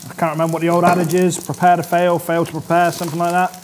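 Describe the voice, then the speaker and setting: A man in his thirties with a slightly high, monotone voice speaks rapid-fire in a very noisy recording. He's a chef and cooking show host running a casual demo on an indoor studio kitchen set, chatty and upbeat, often checking in with viewers by asking "all right?". Sizzling and frying from the pan fill the background.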